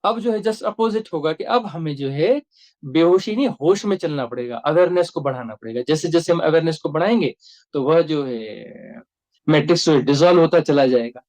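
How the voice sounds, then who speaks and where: A man's voice: on the high side, normal speed, darkish tone. A man, giving a reflective spiritual discourse as a teacher and repeating phrases for emphasis.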